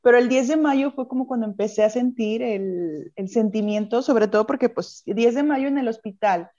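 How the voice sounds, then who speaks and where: A woman with a Mexican accent, chatting casually and telling a personal story with lively energy. She often slips into the voices of the people in her story. Her voice sits fairly high with a mellow, dark tone, and the recording is a little muffled. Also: moderate pace. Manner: lively storyteller who acts out quoted voices. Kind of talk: casual chat. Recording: slightly muffled lo-fi audio.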